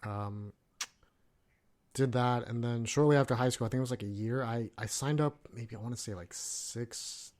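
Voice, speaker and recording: A Navy veteran in his thirties from California tells his story as a guest in a casual podcast interview. His mid-range, darkish voice is loose and profane, with lots of fillers.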